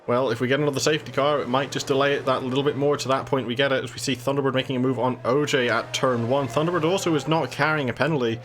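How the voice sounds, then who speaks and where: A man's voice: mid-range voice, fairly even intonation, quick pace, few pauses, a bit bright, slight background noise. A man working as a motorsport commentator, giving factual play-by-play of a live race.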